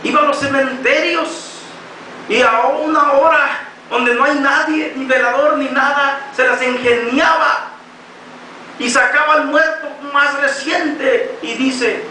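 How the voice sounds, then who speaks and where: High, impassioned Mexican preacher in echoey hall. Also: male voice, steady tone, slow, slight background noise. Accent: Mexican Spanish. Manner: impassioned, often shouting. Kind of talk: sermon. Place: church hall. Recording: echoey hall, mic from a distance.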